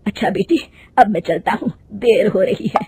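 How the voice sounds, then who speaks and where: A woman's voice: medium pitch, normal speed, darkish tone, slight background noise, close to an everyday voice. A woman voicing a kindly, worried old male accountant in a cartoon story. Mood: concerned. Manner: friendly, warning.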